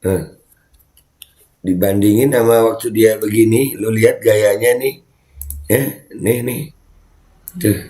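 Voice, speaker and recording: Scolding commentator. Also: male voice, lowish voice, steady tone, slow, long pauses, mellow. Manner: scolding, repetitive, chatty. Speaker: online commentator. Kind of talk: casual video commentary.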